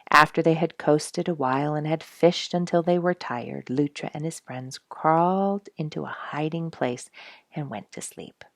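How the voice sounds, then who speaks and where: A storybook reader and host with a low, slightly gravelly woman's voice reads a children's tale aloud. She is expressive, her pitch swings widely, and she leans on the playful words. The recording is close and dry.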